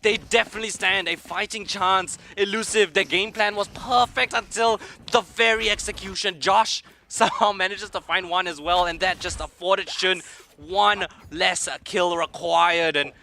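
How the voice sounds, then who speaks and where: A man doing excited play-by-play commentary of an esports match, his voice going hoarse. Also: sits high, a little hiss or hum. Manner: rapid hype calls, shouting at big plays. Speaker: esports caster.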